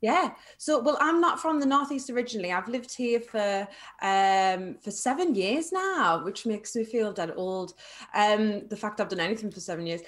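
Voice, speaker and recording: A woman's voice: mid-range voice, animated, moderate pace. A young woman from Carlisle, chatting as a guest in a live online interview, talkative, with frequent fillers and laughs. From Carlisle, England.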